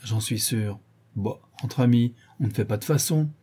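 A man's voice: medium pitch, moderate pace, dark tone, slightly rough, natural voice. A man reading the part of a stubborn, bold young nobleman in disguise in an audiobook, firm and insistent.

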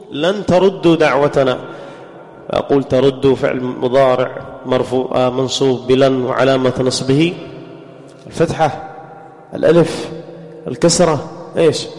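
A man teaching a grammar class. He quizzes his students and repeats example words slowly. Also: medium pitch, a little mellow. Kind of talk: classroom lesson. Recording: long hall reverb.

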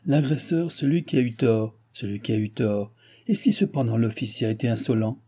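A man's voice: mid-range voice, expressive, a little fast, warm tone, lightly acted. A man voicing an aging, evasive king in an audiobook, exclaiming in exasperation. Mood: exasperated. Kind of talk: audiobook reading.

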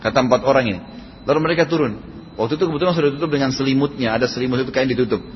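A man's voice: mid-range voice, very fast. A man giving a religious lecture, retelling a story in a chatty way with casual tag questions. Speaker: preacher. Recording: echoey hall, slightly dull sound, faint noise.

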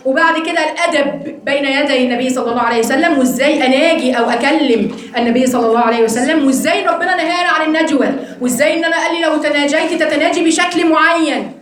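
A woman with an Egyptian accent teaching an interactive Quran study lesson, quizzing her students in a quick, teasing way. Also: high-pitched, heavy reverb, a little hiss or hum. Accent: Egyptian Arabic.

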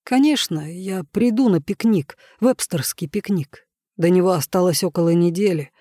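A man playing a quiet, earnest young man. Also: high-pitched, normal speed, dry recording, studio quality.

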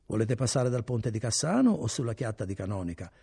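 A man voicing a sly, curious innkeeper with a gravelly, husky voice, probing and insinuating, in an audiobook. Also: mid-range voice, very animated, brisk, mellow, voice pushed up, exaggerated voice. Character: sly curious middle-aged male innkeeper. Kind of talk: audiobook character reading.

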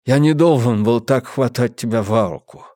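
A man's voice: medium pitch, normal speed, warm tone, dry recording, studio quality, lightly acted. A man voicing a timid giant in an audiobook, with slurred, mangled speech. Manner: slurred, mangled words, pleading.

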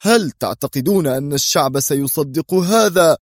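A man's voice: a little high, lively intonation, moderate pace, no room sound. A nervous, snappish male president, voiced by a male narrator in an audiobook. His lines rise a little and come out tense. The sound is dry and close. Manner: tense, irritable. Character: nervous irritable male president, middle-aged.

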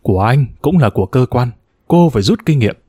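A man's voice: medium pitch, animated, brisk, warm tone, slightly rough, no room sound, clean studio sound. A man reading a story and voicing a stern, self-important middle-aged woman who scolds in a proper tone. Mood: scolding.

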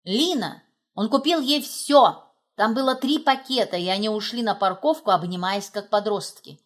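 A woman's voice: medium pitch, moderate pace, natural voice. Woman doing an upset, apologetic girlfriend. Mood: distressed. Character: female friend, anxious, sympathetic.

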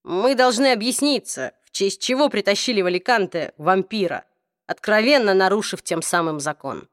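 A woman voicing a young male warrior with an even, faintly mocking tone. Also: mid-range voice, normal speed, dry recording, studio quality, natural voice. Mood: dry, mocking.

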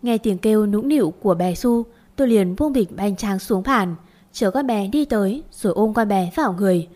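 A woman narrating a first-person audio story with gentle storytelling delivery. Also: mid-range voice, normal speed.

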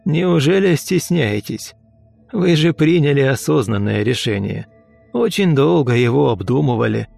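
Calm old taxi driver, read by a man. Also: medium pitch, vocal fry, no room sound, soft background music, voice pushed up, exaggerated voice. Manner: slow, even, gently insistent.

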